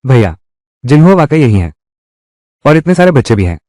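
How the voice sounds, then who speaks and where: A man's voice: medium pitch, sing-song, moderate pace, darkish tone, dry recording, studio quality. A man narrating a dubbed drama recap and reading every part himself in one voice. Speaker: dubbing narrator. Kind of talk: Hindi drama recap dubbing.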